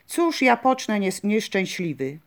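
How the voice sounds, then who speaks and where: A woman's voice: medium pitch, big pitch swings, unhurried. Young fisherman, male, poor, worried but stubborn, earnest, storybook, read by a woman. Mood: troubled.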